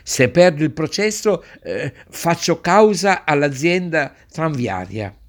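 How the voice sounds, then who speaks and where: A man reading a story and voicing an irritable, self-important lawyer who speaks loudly and indignantly. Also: on the high side, animated, slow pace. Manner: indignant, loud.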